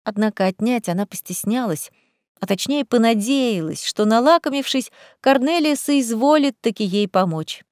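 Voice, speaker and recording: A woman narrating an audiobook with a lively, expressive delivery. Her voice is slightly high and sounds close, with a completely dry, roomless sound. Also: normal speed, no room sound.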